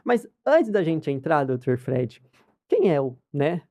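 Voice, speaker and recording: Mellow, dry-sounding podcast host. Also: medium pitch, big pitch swings, takes it slowly, no room sound. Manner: informal, uses "tipo assim" and "né". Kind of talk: casual podcast interview.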